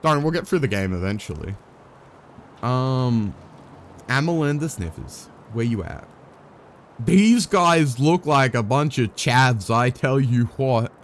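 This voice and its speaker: A man's voice: mid-range voice, lively intonation, takes it slowly, a little hiss or hum. A young man live-streaming a game, chatting casually in a rambling way, swearing freely, with wry asides to his viewers.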